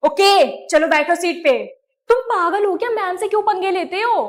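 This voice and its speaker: Young woman doing comedy skits, very high voice, cheeky and playful. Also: moderate pace. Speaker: comedy skit creator. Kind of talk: comic skit acting.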